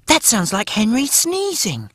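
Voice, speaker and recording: A woman voicing a cheerful, helpful young male octopus in a cartoon, friendly and eager with a bright boyish voice. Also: on the high side, wildly swooping pitch, measured pace, breathy edge, no room sound, heavily acted. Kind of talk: cartoon voice acting.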